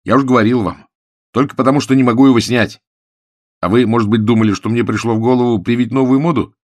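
A man's voice: medium pitch, fairly even intonation, quick pace, darkish tone, no room sound, voice pushed up, close to an everyday voice. A man voicing an impulsive young man in love who talks eagerly and keeps pressing his point. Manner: eager, insistent, repeats himself.

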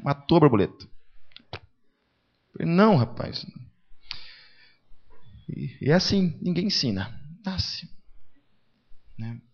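Preacher, male, fairly high voice, loud emphatic bursts and quiet asides, chatty, dull low-fi recording. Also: very animated, unhurried, long pauses. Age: adult with a young son. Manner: conversational with frequent "né?" tags. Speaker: pastor. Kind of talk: lively church sermon. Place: church meeting.

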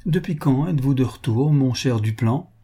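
A man's voice: medium pitch, expressive, normal speed, mellow, husky, pitched above the performer's own voice. Man putting on a haughty old baroness. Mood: persuasive. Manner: pointed, persuasive, offended queenly tone. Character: older woman matchmaker baroness, haughty, sharp-tongued.

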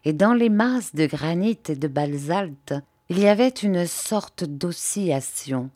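A woman narrating a novel as an audiobook reader, in a steady storytelling manner. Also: on the low side, slow, no room sound, studio quality. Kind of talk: scripted narration.

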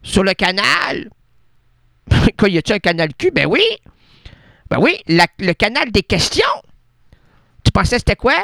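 A man's voice: sing-song, unhurried, gravelly, pauses often, a bit bright, no room sound, clean studio sound. A man with a Québécois French accent, hosting a radio show and delivering a rambling, absurd comic monologue full of wordplay. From Quebec. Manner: rambling, absurd wordplay, playful with sudden pitch jumps. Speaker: radio host.

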